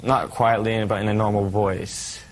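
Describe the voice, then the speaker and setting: A young man testifying as a litigant, giving short, flat, polite answers. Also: fairly low pitch, normal speed, slight background noise. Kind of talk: courtroom testimony.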